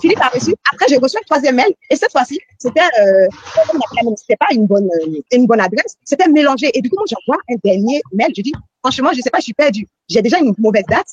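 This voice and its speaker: Une femme invitée qui raconte une arnaque, par téléphone, d'une voix rapide, hésitante, pleine de reprises et d'hésitations. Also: female voice, sits high, very animated, slightly rough, no room sound. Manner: rapid, halting, with many restarts and fillers. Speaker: guest recounting being scammed. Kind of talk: emotional storytelling on a call. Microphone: phone call. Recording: muffled phone-quality call.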